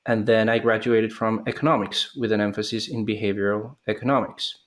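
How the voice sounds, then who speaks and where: A Colombian startup founder in his thirties answers interview questions thoughtfully, hesitating and restarting as he goes. His voice sits on the low side, with a steady tone and a fairly quick pace.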